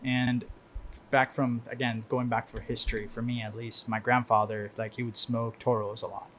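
A man's voice: medium pitch, flat delivery, moderate pace, a bit bright, slight background noise. A man from Cuba, a guest on a podcast, chatting casually and telling stories with frequent restarts and laughter. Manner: laughs often, tells stories with many restarts. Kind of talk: casual chat.

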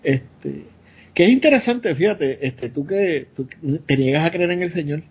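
A man's voice: fairly high pitch, very animated, unhurried, husky, muffled recording. A man with a Puerto Rican Spanish accent, co-hosting a casual chat and explaining things in a musing way. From Puerto Rico.

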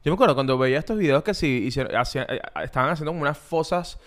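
A young man co-hosting a podcast in casual, animated chat. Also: on the high side, racing. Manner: animated, acts out voices and laughs often. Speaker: podcast co-host.

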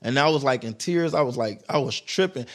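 A man from Detroit telling a wild story as a podcast guest, in a rapid, excitable, slangy way. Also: medium pitch. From Detroit, USA. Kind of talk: animated storytelling.

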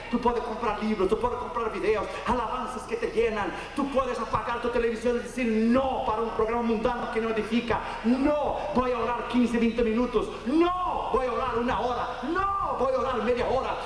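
An evangelist preacher whose first language is Portuguese delivers a fervent sermon at a moderate pace with hardly any pauses. He swings between loud, high peaks and low, quiet storytelling, heard from far off in an echoey hall.

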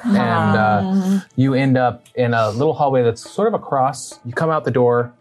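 A woman's voice: extremely low pitch, expressive, moderate pace, a little mellow, faint music behind. A woman narrating as game master of a tabletop game, describing scenes in an easygoing way with fillers and restarts.

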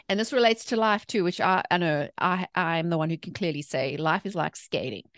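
A woman in her 40s, an author and mindset coach from South Africa, talks as a podcast guest, recounting personal stories in an emphatic, chatty interview manner. Her voice is lowish and a little fast, and the sound is clean studio quality without echo.

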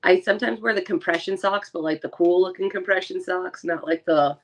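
A woman's voice: on the low side, fairly quick. A woman co-hosting a podcast in casual chat, speaking informally with laid-back wording. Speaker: podcast co-host.

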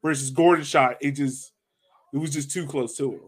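A podcast host leads a casual sports analysis chat, talking conversationally and asking his co-hosts questions. His voice is medium-pitched and slightly rough, with fairly even intonation and a moderate pace.

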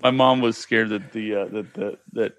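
Here a fortysomething man from California, with a Californian American accent, swaps childhood stories in loose, slangy talk full of "dude" and "bro." He speaks at a moderate pace in a lowish, fairly even voice. The recording is muffled but has no echo.

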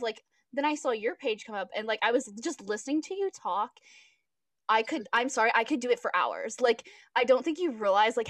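A woman's voice: a little high, no room sound. A twenty-year-old woman co-hosting a podcast in casual chat, rambling and giggly with lots of filler words. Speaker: podcast co-host.

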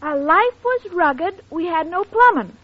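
A woman's voice: sits high, normal speed, close to an everyday voice. A woman playing a sweet, scatterbrained young woman who blurts out silly rhymes, in 1940s radio comedy style, on a dull old recording. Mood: dreamy.

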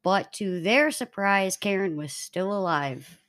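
Reading a case to her co-hosts on a laid-back podcast, this young woman keeps things matter-of-fact and laughs between lines. She speaks at a measured pace in a mid-range, slightly bright voice with lively intonation.

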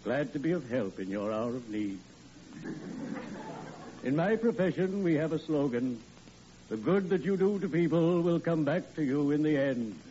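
An actor in 1940s radio comedy voices a cheerful, morbid undertaker, drawling in a sweet, suave way. His natural voice is a little high and dark in tone, animated at normal speed with long pauses, and the old lo-fi recording carries hiss.

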